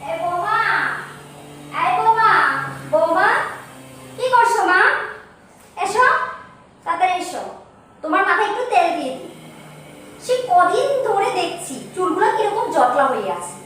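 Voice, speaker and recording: A woman's voice: very high voice, expressive, measured pace, long pauses, fairly bright tone, exaggerated voice. A woman acting out a kind, fussing mother-in-law in a home skit, doting but bossy. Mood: coaxing. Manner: doting and bossy, calls everyone ma. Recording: echoey room, voice from far off, faint hum.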